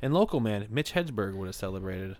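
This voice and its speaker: A man's voice: lowish voice, expressive, fairly quick, no room sound. A male podcast host in casual chat, joking and reading off a list with running asides. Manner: jokey, reading off a list with asides and loud laughs.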